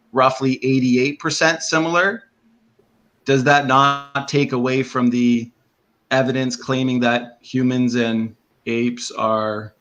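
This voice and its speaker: A man's voice: mid-range voice, fairly bright tone. Hesitant male debate moderator. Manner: hesitant, filler-heavy.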